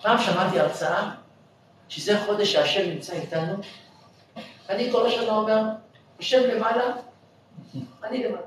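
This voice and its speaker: A man's voice: sits high, steady tone, long pauses, far from the mic, slight background noise, lightly acted. A man voicing a blunt, earnest dog owner in a story he tells, recorded from afar in an echoey hall.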